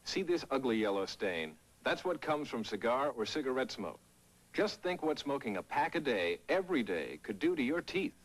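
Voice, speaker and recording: A man with a husky voice delivering an upbeat, old-fashioned commercial pitch as an announcer. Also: big pitch swings, moderate pace, slight background noise, rough recording.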